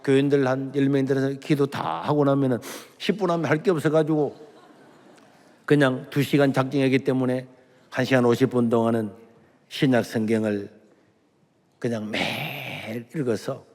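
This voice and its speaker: Emotional pastor with a hall echo. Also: male voice, mid-range voice. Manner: dramatic storytelling, acting out quoted voices, swinging between hushed and loud. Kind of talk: revival sermon with personal testimony. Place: large church sanctuary. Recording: long hall reverb in a large church.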